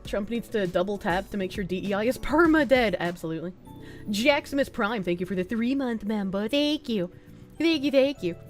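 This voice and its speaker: A woman with a mild Boston accent chats casually on a livestream, reading out donations and answering chat. Her mid-range voice has lively intonation and a moderate pace over soft background music, and she rambles frankly and profanely, often restarting her sentences.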